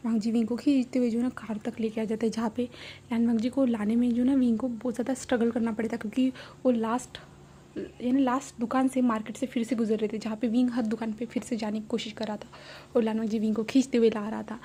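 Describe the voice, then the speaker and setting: Female storyteller, casual rambling recap, dark mellow voice, slightly high. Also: level tone, fast talker, a little hiss or hum. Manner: rambling, many fillers.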